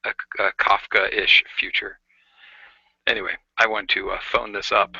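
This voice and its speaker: A man's voice: fairly low pitch, little pitch movement, moderate pace, creaky, bright, forceful tone, breathy edge, no room sound. A man co-hosting a casual chat, talking playfully through an old carbon microphone built from a 1950s hotel phone. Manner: playful, jokey show-and-tell. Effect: speaking through an old carbon microphone from a 1950s hotel phone. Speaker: podcast co-host. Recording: dull, gritty old phone-mic sound.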